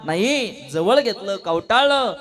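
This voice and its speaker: A man with a high voice delivers a devotional kirtan sermon. He keeps asking his listeners questions and gives voices to the people in his story. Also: expressive, slow, a bit bright, faint music behind. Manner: questions the audience constantly, acts out voices in the story. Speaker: kirtan preacher. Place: kirtan gathering before a live audience.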